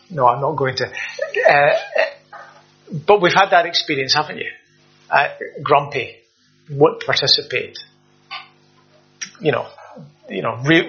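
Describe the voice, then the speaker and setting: A man's voice: mid-range voice, creaky, sharp tone, muffled recording. A man preaching a sermon in a conversational way, with hesitant fillers and emphatic rising stresses.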